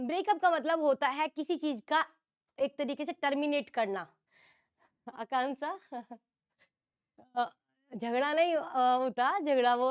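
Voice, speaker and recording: Woman teacher, high voice, online class, explains each term twice in two languages. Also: dull audio. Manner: explains phrasal verbs, calls on students by name, repeats words in English and Hindi. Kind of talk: online exam-prep class.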